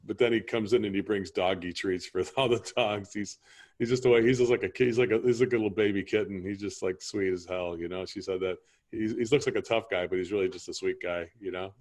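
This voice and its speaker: Low man, rambling homeowner in a sales role-play, keeps checking you follow. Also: fairly even intonation, quick pace, darkish tone. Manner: rambling, keeps asking "you see what I'm saying". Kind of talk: improvised training role-play.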